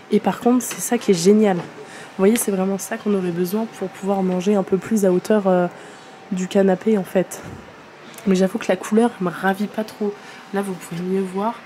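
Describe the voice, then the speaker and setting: A woman's voice: mid-range voice, steady tone, brisk, dark tone, a little hiss or hum. A young woman chatting casually to camera as a lifestyle vlogger, rambling and thinking aloud to her viewers. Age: young adult. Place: home living room, car and furniture store.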